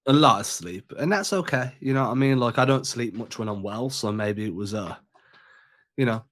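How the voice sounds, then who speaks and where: A congested man hosts a sports podcast, sounding sick and a little stuffed up. He chats in a loose, slangy way at a middling pitch, recorded close and dry. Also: moderate pace, fairly bright tone, dry recording. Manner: laid-back, slangy, chatty. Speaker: podcast host. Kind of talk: casual sports podcast chat.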